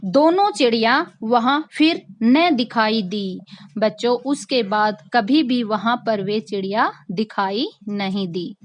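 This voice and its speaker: A woman's voice: a little high, takes it slowly. A woman teacher explaining a textbook story to children, retelling each line in simpler words and addressing them directly. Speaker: school teacher.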